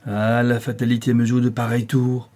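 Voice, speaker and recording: A man voicing a furious, stubborn old professor in an audiobook, declaiming loudly and defiantly. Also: mid-range voice, completely flat delivery, normal speed, close to an everyday voice.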